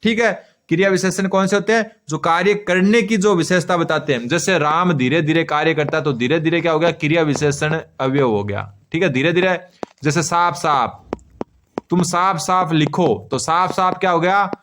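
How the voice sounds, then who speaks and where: A man's voice: a little high, brisk, hardly any pauses, a bit bright, a little hiss or hum. A man teaching an exam-prep grammar lesson, asking questions and answering them himself, repeating key terms while he writes on a board.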